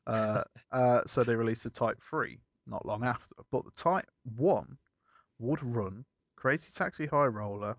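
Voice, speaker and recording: A man's voice: mid-range voice, unhurried, fairly bright tone, dry recording, dull audio. A man chatting casually as a podcast co-host, rambling through a story and correcting himself as he goes. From United Kingdom.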